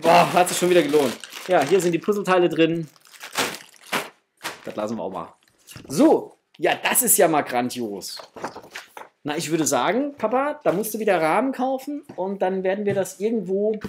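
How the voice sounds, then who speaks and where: A middle-aged toy collector who hosts a vlog chats casually with viewers during an unboxing, enthusiastic and full of superlatives. His high-pitched voice is animated and normal in speed, with frequent pauses and a bit of hiss or hum, in a small home room with framed posters.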